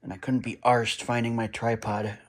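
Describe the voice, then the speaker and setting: Here a man with a mid-range voice unboxes and sets up a radio at a moderate pace, his delivery flat and a bit of background noise audible. He's a radio hobbyist vlogger shooting on a handheld phone, chatting away and muttering while handling the gear.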